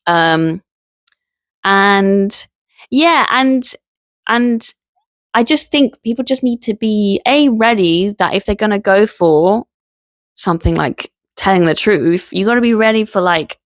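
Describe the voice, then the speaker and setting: A woman talking in a casual vlog, indignant and animated, spelling out sensitive words letter by letter and laughing in disbelief. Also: medium pitch, takes it slowly, no echo, studio quality. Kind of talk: casual spoken vlog monologue.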